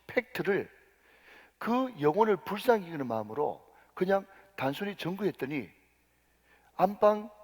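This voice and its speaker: Man, pastor, sermon, fairly high voice, rhetorical questions, long hall reverb. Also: husky. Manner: emphatic rhetorical questions to the congregation, voice rising at climaxes. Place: church sanctuary.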